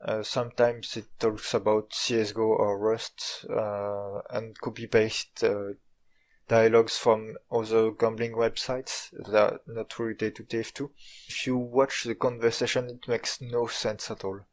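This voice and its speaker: A man's voice: lowish voice, level tone, unhurried. A man with a French accent, a native French speaker, narrating an informal video story in a dry, tongue-in-cheek manner. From France.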